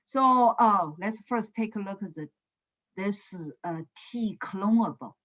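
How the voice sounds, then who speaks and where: A woman lecturing in an online class, heard through a screen recording. She talks slowly, often checks "is it?" and fills gaps with "uh". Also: medium pitch, a bit bright, lo-fi sound. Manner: slow, with frequent "is it?" checks and "uh" fillers. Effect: screen-recorded online lecture audio. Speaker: computer science lecturer. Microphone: computer mic on a video call.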